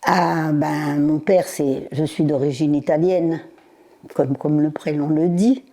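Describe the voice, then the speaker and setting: A woman in her nineties, recalling her childhood in an interview, speaking haltingly with pauses and repeated words. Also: deep voice, steady tone, mellow. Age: 90s.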